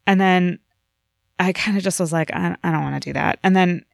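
A woman in casual podcast chat, telling a story in an animated way and acting out the lines of the people in it. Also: on the low side, a little fast, vocal fry, no room sound, clean studio sound. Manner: animated storytelling with voiced quotes.

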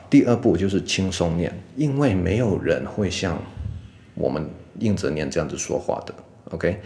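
Deep raspy guy doing a chill pronunciation lesson, says ok a lot, roomy echo. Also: darkish tone. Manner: sprinkles "OK" and English asides constantly; demonstrates sounds slowly and repeats them. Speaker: English pronunciation teacher. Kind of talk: casual video lesson. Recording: echoey room.

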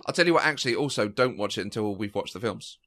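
A man's voice: lowish voice, fast. Guy on a podcast, rambling casual chat, lots of ums and restarts. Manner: chatty, animated storytelling with frequent fillers and restarts. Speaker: podcast co-host.

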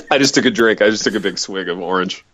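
A man's voice: fairly low pitch, fairly bright tone. A man co-hosting a casual chat over a tinny phone line that sounds like he is inside a tin can, joking and teasing with a ready laugh. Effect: tinny phone line, like talking inside a tin can. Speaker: co-host.

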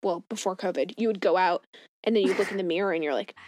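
A woman's voice: lowish voice, fast, a little mellow, no room sound. A woman co-hosting a casual movie discussion podcast in a chatty, conversational way, recorded up close in a small closet. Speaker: podcast co-host.

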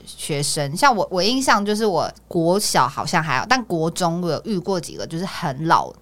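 A woman's voice: lowish voice, big pitch swings, moderate pace. A young woman, co-hosting a podcast and chatting about school memories. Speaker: podcast co-host. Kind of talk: casual chat.

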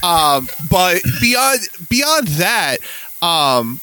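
Animated male co-host, high lively voice, dry close sound. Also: drawn-out words, clean tone, no echo. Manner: emphatic, animated, sarcastic. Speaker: podcast co-host. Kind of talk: casual political chat.

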